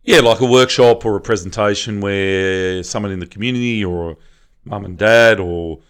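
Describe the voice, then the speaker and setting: Casting note: deep-voiced guy, charity rep, unpolished and halting. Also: fairly bright tone, clear, resonant tone. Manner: halting, lots of ums and restarts. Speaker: charity representative. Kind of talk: casual podcast chat.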